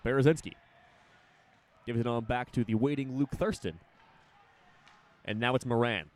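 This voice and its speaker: A young man calls a college hockey game play by play in a quick, running patter. His voice climbs when a shot goes toward the net. He names each pass as it happens. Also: mid-range voice. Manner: rapid, rising excitement on big plays. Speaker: play-by-play announcer. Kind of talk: live hockey play-by-play commentary.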